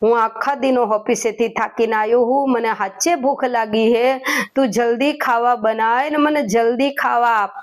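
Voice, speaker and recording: A woman voicing a tired, patient husband in a spoken story, speaking in a lower, calm and flat tone. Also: moderate pace, close to an everyday voice. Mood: weary.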